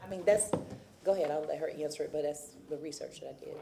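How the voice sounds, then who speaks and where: Low-voiced councilwoman in an echoey chamber. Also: fast, creaky, background noise. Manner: probing, clarifying questions. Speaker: city council member.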